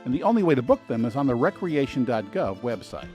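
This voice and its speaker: A man guides viewers through a travel video with scripted, informative narration, dropping in dry, lightly sarcastic asides. His medium-pitched voice is very animated and he talks fast. Soft music plays in the background.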